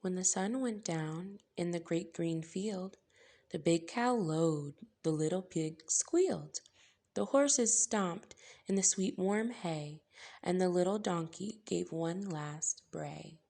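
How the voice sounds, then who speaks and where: As a storytime host, a woman reads a picture book to young children with measured, gentle phrasing and playful emphasis. Her voice is lowish and creaky.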